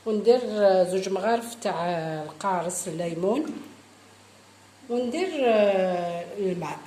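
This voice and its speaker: A woman's voice: mid-range voice, dark tone. A middle-aged woman with an Algerian Arabic accent, who hosts a baking channel and talks viewers through each step of a recipe, repeating her instructions. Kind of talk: cooking tutorial. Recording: echoey room with faint noise.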